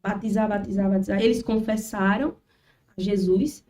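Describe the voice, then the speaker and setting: A woman's voice: medium pitch, moderate pace, distant mic, a little hiss or hum. A woman telling a church testimony as a podcast guest, acting out the people in her story. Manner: animated storytelling, acts out quotes. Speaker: guest, children's ministry worker. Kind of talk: testimony in casual chat.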